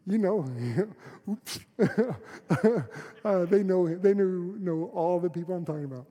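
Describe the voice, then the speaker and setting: A middle-aged man preaching a sermon as a pastor, telling stories with lots of restarts and animated bursts. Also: high voice, slow, big-room sound. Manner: animated storytelling, many restarts.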